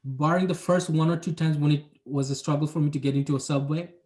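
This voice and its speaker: Talking fast in a fairly high, slightly mellow voice with fairly even intonation, a young Bangladeshi man describes his planning job. As a guest in a casual interview, this urban planner is reflective, hedges a lot, and uses many fillers.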